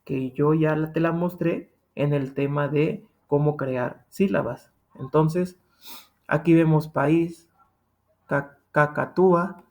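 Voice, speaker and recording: A man's voice: fairly high pitch, steady tone, slow pace, creaky. Patient Mexican man teaching a grammar lesson. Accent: Mexican Spanish. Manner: patient, repetitive, checks in with "ok?".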